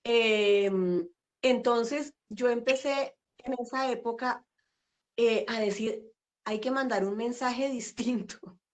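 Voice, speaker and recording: A woman's voice: a little high, slow. A middle-aged woman, talking reflectively as a guest in an interview over a video call. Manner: warm, reflective, with frequent fillers and laughs. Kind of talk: casual interview conversation.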